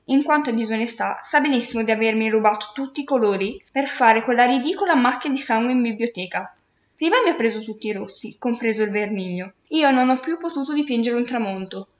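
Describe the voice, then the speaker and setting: A woman voicing a young girl who is gentle but spirited and speaks up earnestly, in a storybook reading. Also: fairly high pitch, lively intonation, brisk, natural voice. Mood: scolding. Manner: earnest, scolding. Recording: roomy, dull lo-fi recording.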